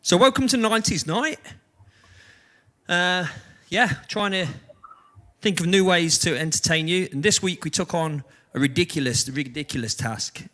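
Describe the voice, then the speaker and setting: A man's voice: high voice, sing-song, slow, long pauses, pushed and bright. A man hosting a band's livestream from a home kitchen, chatting casually and laughing at himself often. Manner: self-mocking, laughs often. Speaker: band livestream host and singer. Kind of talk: casual banter.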